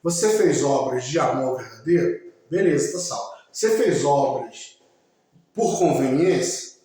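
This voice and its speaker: Slow-speaking man in a very echoey room. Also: medium pitch, lively intonation, mellow. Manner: slow, emphatic, addresses listeners directly. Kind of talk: religious talk.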